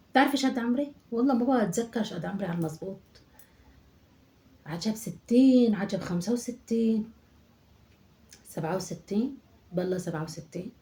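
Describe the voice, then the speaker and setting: A woman's voice: medium pitch, warm tone, lightly acted. A woman voicing a chatty, nagging older mother in her sixties from Aleppo, with an Aleppo Syrian Arabic accent, scolding and muttering prayers. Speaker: sketch performer. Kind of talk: comic monologue sketch.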